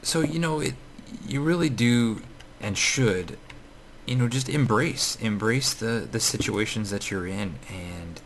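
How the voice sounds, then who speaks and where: A man's voice: on the low side, a little slow. A man with a scratchy morning voice giving casual, rambling gameplay commentary full of fillers and restarts. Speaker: Minecraft let's player.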